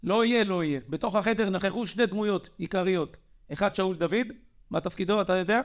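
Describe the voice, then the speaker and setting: A young man telling an angry story in an emphatic, agitated podcast monologue. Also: sits high. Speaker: podcast co-host.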